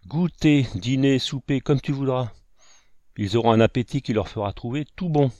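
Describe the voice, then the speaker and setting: A man voicing a gruff older frontier sergeant who gives brisk, scolding orders to his son in a storybook reading. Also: mid-range voice, mellow, no echo, lightly acted. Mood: commanding.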